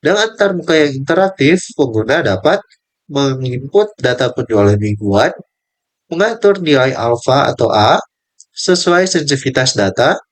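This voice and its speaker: A young male student presents his part of a group lesson in a medium-pitched voice at a moderate pace. He reads out steps and table values, listing numbers steadily but with small slips and restarts.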